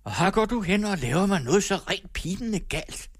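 A man's voice: high-pitched, lively intonation, no echo, clean studio sound, voice pushed up. A man voicing a flustered middle-aged father who grumbles, curses and sighs in exasperation in a story reading.

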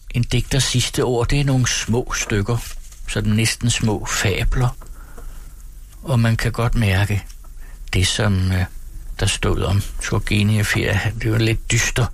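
A man reading aloud and talking about books in a measured way, with thoughtful pauses. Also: fairly low pitch, a little hiss or hum. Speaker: reader and book presenter.

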